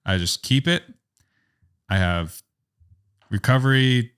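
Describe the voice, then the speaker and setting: A young man, a photographer, telling a story in a casual podcast interview, rambling and animated, with a lot of "like" and acted-out quotes. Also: medium pitch, takes it slowly, clean tone. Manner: animated, rambling, heavy use of "like", acts out quotes. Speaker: photographer and business owner, podcast guest.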